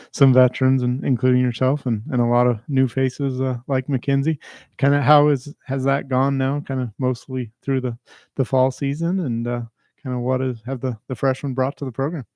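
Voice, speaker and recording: A man interviews athletes. He asks halting questions full of fillers. His voice is mellow and dark and stays level in pitch, and the recording sounds dry. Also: flat delivery, dry recording, lo-fi sound. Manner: halting, many "uh" and "kinda" fillers. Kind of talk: media scrum questions.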